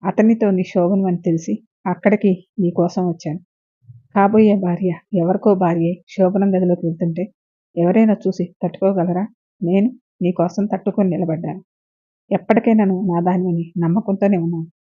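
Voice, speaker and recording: A woman's voice: lowish voice, fairly even intonation, fairly quick, husky, no room sound. A woman voicing a pushy, self-pitying young man who pleads insistently, in a dull lo-fi recording. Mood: pleading.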